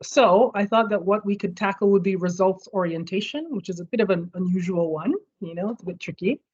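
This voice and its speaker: A woman with a husky, darkish, mid-range voice runs an online study group over a video call, speaking a little fast as she explains a topic and checks in with everyone. She leads the session from home near street fireworks, and the call audio is muffled.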